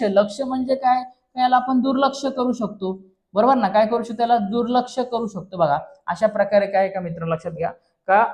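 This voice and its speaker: A man with a fairly high voice and a Marathi accent walks students through an exam paper. He keeps asking questions back and answering them himself in a patient classroom way. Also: a little mellow. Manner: repeats questions back, addresses friends. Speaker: teacher.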